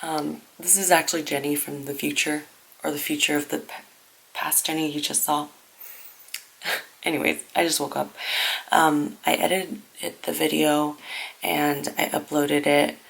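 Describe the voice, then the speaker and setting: Speaking in a low, flat voice with vocal fry and a fairly bright tone, a young family vlogger chats personally with viewers. She grew up in a Vietnamese-speaking family and is a native speaker, and her delivery is casual and halting as she thinks aloud; the home-video audio is noisy and full of clicks.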